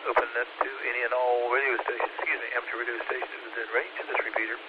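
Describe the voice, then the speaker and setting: A man's voice: mid-range voice, flat delivery. Guy running a ham radio net over a scratchy radio link, lots of uhs, static behind him. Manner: halting, many filler sounds. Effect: tinny two-way radio transmission with static. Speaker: net control operator. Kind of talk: amateur radio net check-in. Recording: tinny radio with static hiss.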